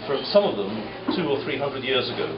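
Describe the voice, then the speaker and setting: A man's voice: medium pitch, sing-song, a little fast. A man from the UK with a British accent, giving an informal, self-deprecating and wordy introduction of himself to a group. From United Kingdom. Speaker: government advisor. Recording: echoey, muffled room with crowd noise.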